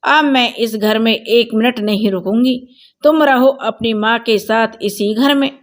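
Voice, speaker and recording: A woman voicing an angry young wife in a storybook tale, shouting bitter, sarcastic accusations. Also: a little high, a little slow, natural voice.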